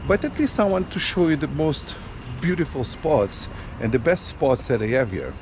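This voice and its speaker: A man's voice: on the high side, big pitch swings. Man vlogging on city streets. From Portugal. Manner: unhurried, many fillers and restarts. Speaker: travel vlogger. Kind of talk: casual walking tour vlog. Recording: street noise in background.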